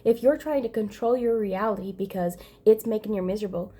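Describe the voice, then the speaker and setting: A woman's voice: medium pitch, fairly quick, dark tone. A woman giving an earnest, emphatic self-help monologue, often repeating phrases and restarting her sentences. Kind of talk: motivational monologue to camera.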